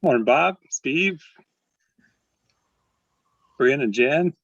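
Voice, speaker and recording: A man's voice: medium pitch, animated, extremely slow, creaky, breathy edge, dry recording. A man hosting a club's video meeting as its president, chatting casually and greeting members by name with frequent laughs. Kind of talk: casual chat. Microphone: video call. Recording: dull lo-fi video call audio.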